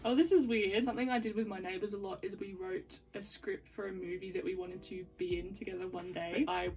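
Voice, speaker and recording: A woman's voice: mid-range voice, a little fast, vocal fry, far from the mic, music in the background, rough recording. A young woman in a casual vlog, reading aloud from her childhood journals in an embarrassed, self-deprecating, giggly way. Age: young adult. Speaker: vlogger.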